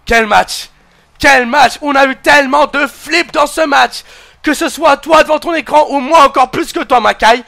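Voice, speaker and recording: Shouting high-voiced young man commentating a game. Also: moderate pace, vocal fry. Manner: shouts, counts pins, swears, addresses viewers. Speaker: gaming streamer commentating a wrestling game. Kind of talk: excited play-by-play commentary.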